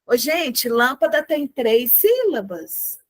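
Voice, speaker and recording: A woman with a fairly high voice leads a music lesson over a video call. She is encouraging and often chants words slowly, beat by beat. Her sound is close and dry, with no room echo. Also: big pitch swings. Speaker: music teacher. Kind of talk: teaching a group music lesson.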